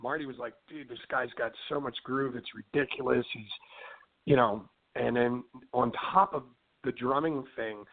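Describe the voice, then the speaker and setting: A Philadelphia rock singer with a strong Philly accent chats casually in an interview, rambling with many fillers and restarts and saying "you know what I mean." His voice is medium-pitched and creaky at a normal speed. The audio comes over a tinny phone line.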